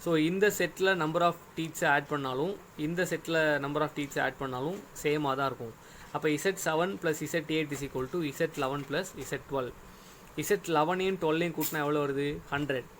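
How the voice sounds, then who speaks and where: Guy teaching an engineering class step by step, words, bit high voiced, faint hum. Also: normal speed, fairly bright tone. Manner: patient, step-by-step, often checks "okay?". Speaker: engineering lecturer. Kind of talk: recorded classroom lecture.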